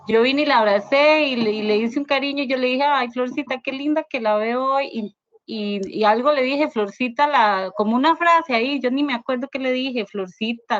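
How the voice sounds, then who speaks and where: A woman's voice: a little high, dry recording, dull audio. A woman sharing a personal church testimony in a class, telling it in a rambling way with constant tag questions.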